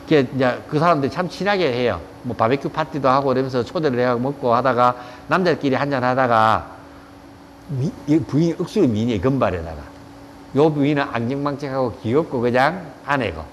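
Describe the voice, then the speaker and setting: A middle-aged yoga teacher with a Gyeongsang Korean accent gives a casual lecture, telling joking anecdotes in coarse, blunt language. His voice is medium-pitched and brisk, recorded in a reverberant room with faint ambience and slight background noise.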